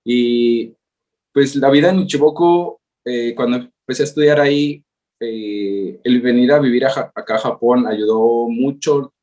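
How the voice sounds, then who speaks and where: In a webinar presentation given over a video call, a Mexican man in his thirties speaks with a Mexican accent at medium pitch and a measured pace, his tone darkish. As the guest presenter, he sounds hesitant, full of fillers, talking from his remote-work home in Japan.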